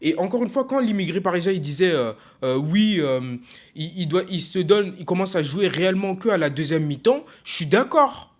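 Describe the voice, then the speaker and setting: A man's voice: high-pitched, expressive. Frustrated young man ranting casually. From France. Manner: frustrated, emphatic, halting with many fillers and restarts. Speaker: football vlogger. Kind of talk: casual video rant.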